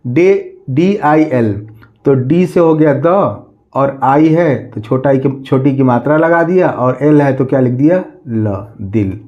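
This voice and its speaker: A man teaching a class, slowly spelling words out letter by letter, asking questions and answering them himself. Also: on the high side, highs cut off. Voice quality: slow, drawn-out letter-by-letter spelling, repeating questions.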